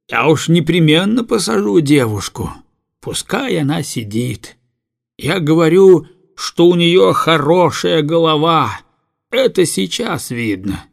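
A man voicing a gruff drunken coal carter. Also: a little high, exaggerated voice.

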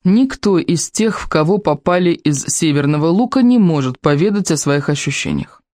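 A narrator reads a storybook in a steady, even way. The tone is mellow and dark, and the recording is dry and close with no room sound. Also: medium pitch, normal speed, no echo. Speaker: audiobook narrator. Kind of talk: scripted narration.

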